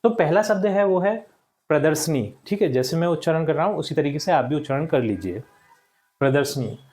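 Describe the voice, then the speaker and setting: Man teaching kids, slow dictation. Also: on the high side, expressive, a little mellow. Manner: repeats each word slowly for dictation; addresses the class as children, checks with "ठीक". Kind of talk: recorded lesson for schoolchildren.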